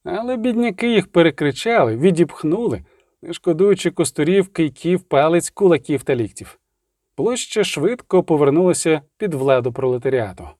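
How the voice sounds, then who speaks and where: A man reading an audiobook in expressive scripted narration. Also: on the high side, normal speed, no echo, studio quality.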